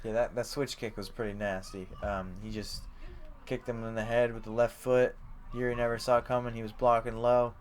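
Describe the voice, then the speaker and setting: Young man, podcast co-host, casual sports chat, rambling, lots of fillers, mid-pitched. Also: little pitch movement, fairly quick, a little hiss or hum.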